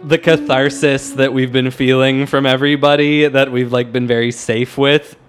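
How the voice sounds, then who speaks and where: Over background song playback, a man hosting a podcast chats informally about music with emphasis. His mid-range voice is clean and flat, at a moderate pace, and he keeps hesitating, repeating himself and hunting for the right words.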